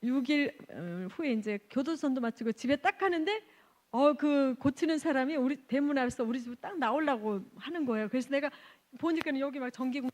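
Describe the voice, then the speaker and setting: A woman missionary giving an animated testimony at a church service, laughing often and acting out the people in her stories. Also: sits high, a little fast. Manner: animated, laughs often, acts out quoted exchanges. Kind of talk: lively storytelling testimony.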